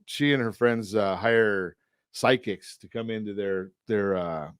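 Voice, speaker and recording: A man's voice: fairly low pitch, clear, resonant tone, no room sound, studio quality. A middle-aged man hosting a talk radio show, chatting casually, making fun of himself, and often repeating words as he starts sentences. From Southern California. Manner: self-deprecating, halting, full of repeated words.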